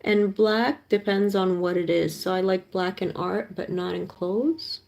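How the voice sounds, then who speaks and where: Woman in her 30s, art streamer, casual chat, gravelly, mellow tone, soft music behind. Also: mid-range voice, fairly even intonation, unhurried. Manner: chatty, bubbly, gushing over colors. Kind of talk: casual chat while painting.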